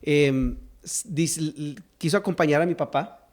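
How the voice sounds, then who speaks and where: Speaking at a measured pace in a slightly high voice, a man in his fifties from South Texas tells stories from his life. He is a pastor and singer-songwriter appearing as a guest, and he hesitates, restarts often, fills pauses, and laughs easily.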